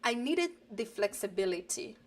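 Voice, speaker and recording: A woman's voice: mid-range voice, sing-song, moderate pace. A middle-aged woman from Uganda, talking earnestly as the guest of a live online interview, heard over a video call. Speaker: guest, digital business coach.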